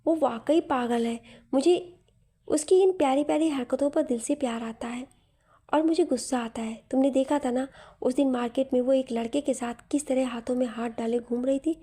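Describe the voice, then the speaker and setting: Storybook casting: a woman playing a shy, defensive young man, mellow tone. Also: sits high, normal speed, husky. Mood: sulky. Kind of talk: storybook narration.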